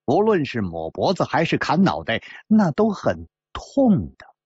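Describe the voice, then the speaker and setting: A man voicing a cold, sharp-tongued companion who speaks in a clipped, menacing way. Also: medium pitch, wildly swooping pitch, measured pace, slightly rough, no echo, lo-fi sound, exaggerated voice.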